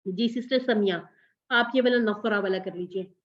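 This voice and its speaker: A woman teaching a Quranic Arabic class online, patient and gently correcting her students. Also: medium pitch, normal speed, muffled recording.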